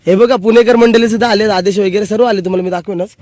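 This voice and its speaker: A man's voice: sits high, fairly even intonation, fast, darkish tone, no room sound. A young man with a Konkani Marathi accent, hosting a casual vlog outdoors on a rural plateau, chatting and bossing his friends around. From Konkan, Maharashtra. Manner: chatty, bossy, gives instructions to friends. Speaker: vlogger host. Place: outdoors on a rural plateau under a banyan tree.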